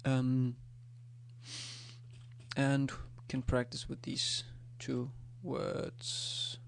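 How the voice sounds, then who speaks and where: Slow, gravelly man teaching. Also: medium pitch, completely flat delivery. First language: Danish. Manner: slow and hesitant, with many fillers, repeating sounds. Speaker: language teacher. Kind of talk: pronunciation lesson.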